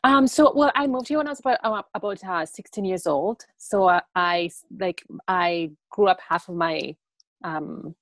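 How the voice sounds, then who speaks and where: A woman's voice: on the low side, normal speed, a bit bright, dry recording. A young woman from Tanzania, a guest in a casual interview, who talks in a rambling way with many fillers.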